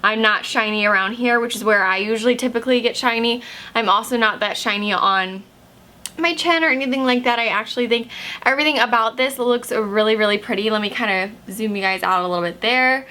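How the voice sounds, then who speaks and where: A young makeup vlogger chats casually to camera during her check-ins, her speech packed with "like"s and easy fillers. Just up from a nap, she sounds slightly hoarse, yet her voice is a little high, fairly quick, bright, and forceful.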